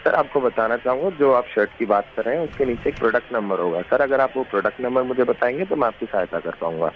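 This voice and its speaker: A man's voice: medium pitch, animated, fast talker. A man working as a customer service agent, formal and polite, calling everyone sir. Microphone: phone. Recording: noisy, dull phone line.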